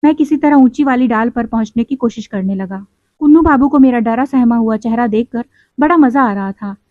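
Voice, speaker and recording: A woman's voice: a little high, brisk, no echo. A woman narrating a story in the first person as a boy, giving voice to the other characters. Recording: tinny, phone-like, dry sound.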